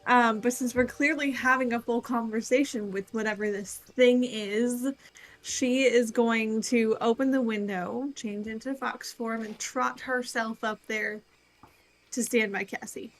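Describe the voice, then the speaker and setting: A woman's voice: a little high, fairly even intonation, measured pace, poor audio. A woman player casually describing her character's actions in a tabletop game.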